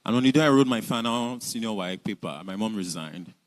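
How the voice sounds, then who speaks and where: A young Nigerian man with a Nigerian accent tells his life story, his voice on the low side, expressive and fairly quick. He sounds earnest and reflective, breaking into light laughs now and then as he shares this personal story.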